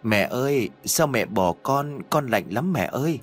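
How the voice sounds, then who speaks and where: A man voicing a small ghost boy of about four who pleads slowly and reproachfully with the woman he calls his mother. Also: medium pitch, animated, soft background music, voice pushed up, close to an everyday voice. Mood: pleading.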